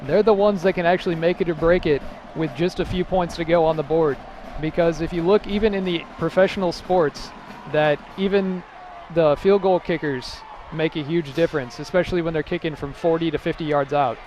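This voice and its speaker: A young man offers calm, analytical color commentary beside the play-by-play caller in a stadium booth. His voice sits slightly high. A faint noise runs under the broadcast. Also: a little fast. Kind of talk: live football color commentary.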